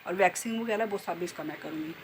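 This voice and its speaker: A woman's voice: on the low side, fast talker. Chatty woman vlogging from home. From Jammu. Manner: chatty, playful, talks straight to viewers with many tag questions. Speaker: vlogger and beautician. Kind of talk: casual chatty home vlog. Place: at home, indoors. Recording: noticeable background noise.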